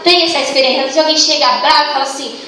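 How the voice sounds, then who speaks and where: Young Brazilian woman preacher, high voice, heard from a distance in a very echoey church hall. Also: fairly even intonation, racing. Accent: Brazilian Portuguese. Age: young adult. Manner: warm storytelling, acts out dialogue. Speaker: youth congress leader and preacher. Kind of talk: sermon.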